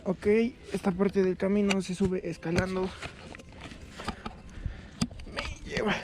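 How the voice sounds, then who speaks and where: A man's voice: high-pitched, completely flat delivery, moderate pace, noisy background. A man with a Mexican accent vlogging casually on a night walk outdoors, chatty and slangy, with frequent exclamations. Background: music.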